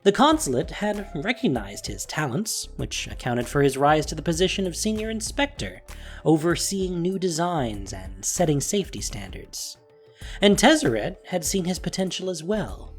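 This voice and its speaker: Narrating a fantasy audio drama, a man uses a dramatic, scripted storytelling style. His voice is fairly high, very animated, and at normal speed, with faint music playing behind it.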